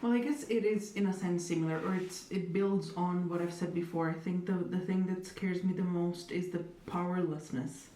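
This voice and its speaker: This is a young Italian woman being interviewed, her fairly low, warm voice running at normal speed with fairly even intonation and hardly any pauses. She reflects thoughtfully, leaning on hedges and fillers and adding dry, wry humor. The recording has an echoey room, a distant mic and faint noise.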